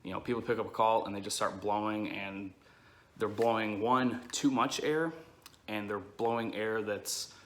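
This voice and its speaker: Male, lowish pitch with a bright edge, casual tutorial delivery, plain-spoken explainer. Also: steady tone, moderate pace, slight background noise. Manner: informal, explanatory, frequent check-ins like "okay" and "all right". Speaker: duck-calling instructor.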